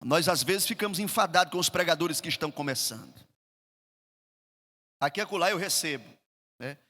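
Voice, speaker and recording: A middle-aged Brazilian man preaching a sermon as pastor, swinging between loud emphasis and soft asides. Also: on the high side, expressive, brisk. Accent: Brazilian Portuguese. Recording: reverberant hall.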